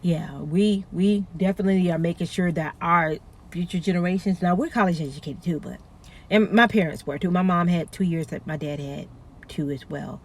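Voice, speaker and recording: A woman's voice: fairly low pitch, moderate pace. A middle-aged woman, a 911 dispatcher talking casually and earnestly to her viewers. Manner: chatty, earnest, warns listeners with pleading repetition. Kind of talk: casual talk to camera.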